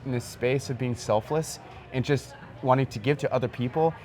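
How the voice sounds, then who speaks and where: A man's voice: medium pitch, normal speed, a little mellow. A man hosting a podcast, talking in a casual, enthusiastic, slangy way. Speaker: podcast host.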